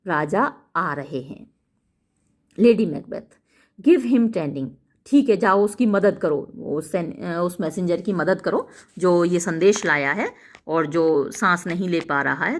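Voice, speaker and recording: A woman teacher who reads each line of a play slowly and then explains it. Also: medium pitch. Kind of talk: line-by-line text explanation lesson.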